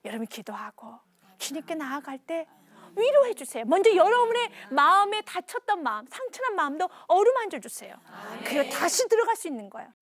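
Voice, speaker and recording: A woman preaching a sermon, telling a story in an animated way and asking the congregation questions. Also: extremely high pitch, a little fast. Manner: animated storytelling, acts out dialogue.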